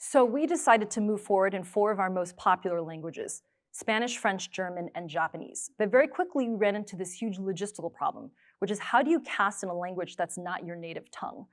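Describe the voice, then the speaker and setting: A woman in her thirties, a native English speaker who works as a creative producer and presenter, delivers a prepared conference talk on an indoor studio stage. Her medium-pitched voice is lively and fairly quick, picked up by a clip-on lapel mic.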